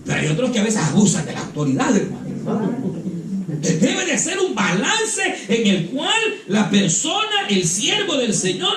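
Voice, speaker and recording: A man's voice: very high-pitched, fairly bright tone. A man preaching fervently at a church retreat, often calling out "hermano" and "aleluya" and repeating words as he searches for them. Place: church hall. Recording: echoey hall, mic at a distance.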